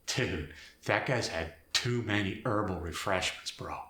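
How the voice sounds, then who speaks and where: A man's voice: on the low side, unhurried, a bit bright. A man playing a young, chill, dim nineties slacker with a Valley guy accent, drawling in valley-girl style with rising sentence ends and lots of "like" and "dude", as a comic demonstration. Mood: slangy, stoked. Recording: roomy echo.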